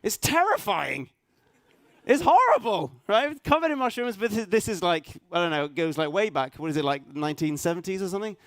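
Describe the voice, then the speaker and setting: A middle-aged man, raised in Norway, speaking at a conference, halting and self-deprecating, full of restarts and fillers. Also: sits high, big pitch swings, fairly bright tone, no echo. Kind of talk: hesitant conference talk. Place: conference hall stage.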